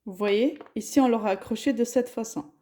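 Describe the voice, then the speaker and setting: A woman's voice: a little high, brisk, mellow. A woman teaching a lesson, spelling words out syllable by syllable. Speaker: Arabic teacher.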